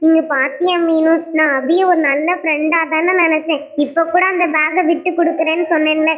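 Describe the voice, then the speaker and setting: A woman voicing a gentle, hurt schoolgirl doll who speaks in a soft, pleading way. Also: extremely high pitch, steady tone, fairly quick. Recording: tinny, phone-like sound.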